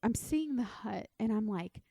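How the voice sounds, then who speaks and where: A woman chats on a casual podcast, her voice sitting a little high. She tells stories in an effusive, dramatic way, with plenty of "like." The sound is close and dry. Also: animated, unhurried, vocal fry, warm tone, no room sound. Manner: effusive, dramatic storytelling with many "like"s. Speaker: podcast co-host.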